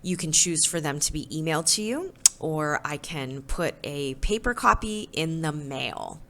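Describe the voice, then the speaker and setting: A woman's voice: sits low, lively intonation, unhurried, a bit bright. A woman parenting educator giving an encouraging recorded lesson, talking plainly with occasional fillers.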